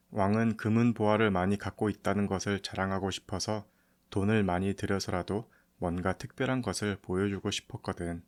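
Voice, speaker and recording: Low-voiced man reading a bedtime storybook to children. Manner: storytelling as if to a child, in familiar speech. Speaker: audiobook narrator. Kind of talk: scripted storybook narration for bedtime.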